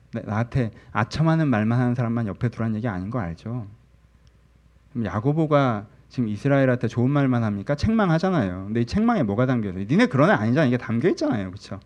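A man in his thirties, a pastor, preaching a candid, conversational sermon. He shares personal stories, drops into soft murmurs and rises again to animated emphasis. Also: medium pitch, highs cut off.

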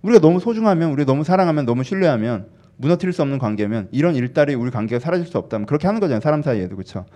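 A man preaching a sermon as pastor, conversational and animated, often asking the congregation to agree. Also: a little high. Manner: animated, acts out sulky dialogue in quick voices; conversational, asks the congregation "right?".

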